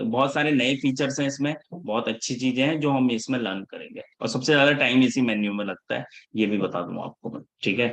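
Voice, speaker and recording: A man teaching a live class in a relaxed mix of Hindi and English, checking in with his students after almost every point. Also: medium pitch. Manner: casual Hinglish teaching, checks in often with the class; scolds students about attendance. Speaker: instructor.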